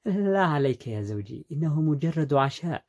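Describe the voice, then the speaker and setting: A man's voice: mid-range voice, lively intonation, fairly quick, mellow, breathy edge. A man voicing a lazy, carefree young wife who talks in a nonchalant, dismissive way. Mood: careless.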